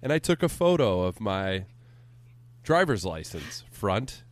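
Low-voiced man ranting on a podcast. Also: measured pace, no echo. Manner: animated profane ranting. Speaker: podcast co-host. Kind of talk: casual podcast banter. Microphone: studio microphone.

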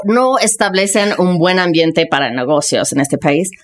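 Animated middle-aged American-born woman. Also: fairly low pitch, normal speed. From United States. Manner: animated, peppered with Mexican slang. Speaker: podcast guest. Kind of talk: casual interview chat.

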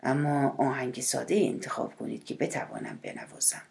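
A woman doing a timid, hushed male cellist. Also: very deep voice, wildly swooping pitch, vocal fry, pitched below the performer's own voice, full character voice. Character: shy, hesitant middle-aged male cellist. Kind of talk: audiobook character voice.

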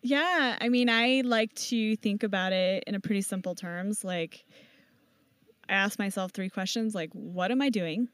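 A woman who races mountain bikes professionally, answering interview questions in a relaxed way and thinking aloud with many fillers and restarts. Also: medium pitch, unhurried, clean tone, no room sound. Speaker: professional mountain bike racer and team owner.

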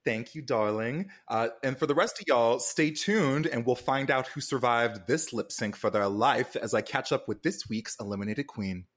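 A man's voice: medium pitch, moderate pace, few pauses, a bit bright. A man hosting a conversational recap interview in an effusive, campy manner full of endearments. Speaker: podcast interviewer and host.

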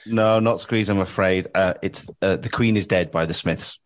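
A man's voice: low-pitched, moderate pace. A man co-hosting a casual podcast, putting quiz questions to a guest in a teasing way. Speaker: podcast co-host running a quiz. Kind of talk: casual chat.

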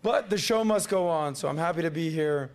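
A man's voice: on the high side, brisk. A man hosting a podcast in casual, joking banter, with a throaty voice that sounds worn and under the weather. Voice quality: throaty, gravelly voice. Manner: joking, teasing. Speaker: podcast host.

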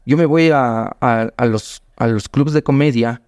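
A man's voice: medium pitch, measured pace, a little mellow, smooth, no echo, studio quality. A young adult man with an Ecuadorian accent, a comedian and interview guest telling stories in a rambling way, restarting phrases and acting out other people's voices. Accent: Ecuadorian Spanish. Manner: rambling, restarts often, acts out quoted voices. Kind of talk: casual storytelling interview.

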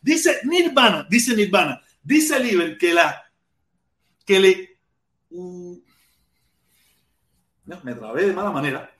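Cuban guy ranting on a livestream, highish voice, roomy echo, says stuff over and over. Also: sing-song, slow, long pauses, a bit bright. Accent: Cuban Spanish. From Cuba. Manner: heated, repeats words in bursts. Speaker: livestream host. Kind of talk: political livestream commentary reading chat.

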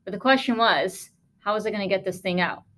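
A woman's voice: mid-range voice, brisk, fairly bright tone. A woman podcast host, a lung doctor, telling a case story in a conversational, emphatic way with sarcastic asides.

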